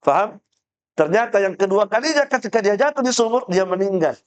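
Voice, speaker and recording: A man giving a religious study lecture, his voice sitting fairly high for a man. He tells stories with acted-out voices and keeps checking with listeners whether they follow. He repeats phrases to drive the point home. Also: animated, fairly quick, smooth. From Indonesia. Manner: storytelling, acts out quoted voices, asks listeners "paham?"; explanatory, repeats phrases for emphasis. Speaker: Islamic teacher.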